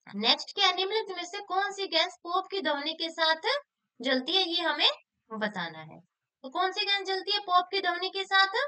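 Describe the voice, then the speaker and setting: Woman teacher, very high voice, bright tone, asks and answers her own questions. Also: big pitch swings, normal speed. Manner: asks questions then answers them herself; repeats key answers for emphasis. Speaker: exam-prep teacher. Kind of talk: explaining solved exam questions.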